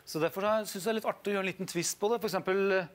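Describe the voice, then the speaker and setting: A man's voice: high-pitched, steady tone. A Norwegian man, a guest impressionist, chatting casually about his work. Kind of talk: casual chat.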